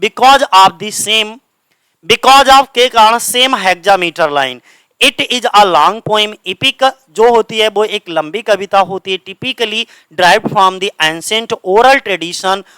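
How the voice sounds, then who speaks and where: A man's voice: high-pitched, pushed and bright, clear, resonant tone, dry recording, rough recording. A man with a Hindi accent teaching literature for exam prep at a coaching centre, asking questions and answering them himself while mixing English terms into his Hindi.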